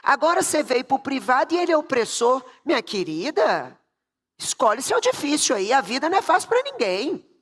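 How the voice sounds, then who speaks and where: A woman voicing her blunt, stern older father in an acted quote, speaking in a dry, matter-of-fact way with slow emphatic words. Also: high voice, very animated, a bit bright, breathy edge, heavily acted. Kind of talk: acted quote within a motivational talk.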